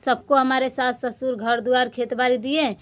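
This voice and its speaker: एक युवा महिला व्लॉगर, जो बार-बार अपनी बात दोहराते हुए दुखी और गुहार भरे लहजे में अपनी निजी परेशानियाँ सुनाती है।. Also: female voice, high voice, level tone, normal speed. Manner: distressed, pleading, repetitive; defiant outburst. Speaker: vlogger. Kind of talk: emotional personal vlog.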